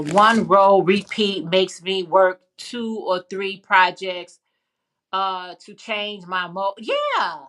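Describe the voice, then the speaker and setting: Speaking in a lowish voice with a fairly bright tone, a Chicago-accented livestream host rambles through a casual chat and answers viewers. Her talk is chatty, peppered with fillers and frequent restarts.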